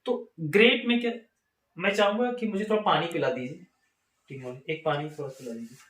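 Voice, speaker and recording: A man's voice: on the high side, fairly quick, a bit bright. A man with an Indian accent teaching an English lesson to a class, asking questions and answering them himself. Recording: echoey room.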